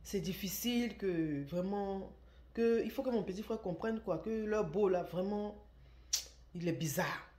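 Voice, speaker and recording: A woman's voice: mid-range voice, measured pace, dark tone. A woman who runs an online shop, telling a story in a casual, emphatic way and repeating words for stress. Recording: echoey room.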